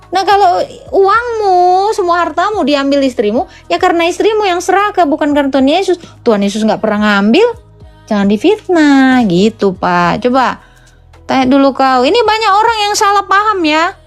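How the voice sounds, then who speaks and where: Very high-voiced blunt scolding woman. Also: lively intonation, normal speed, soft background music. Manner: scolding, blunt, addresses listeners as Pak and kau. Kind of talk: live-stream preaching and debate.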